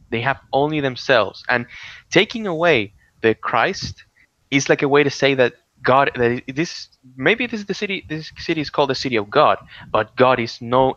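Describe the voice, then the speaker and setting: A man co-hosting a casual podcast, telling stories in an animated way with many restarts and sudden excited outbursts. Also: mid-range voice, no echo. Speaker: podcast co-host. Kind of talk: casual political chat. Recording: dull lo-fi audio.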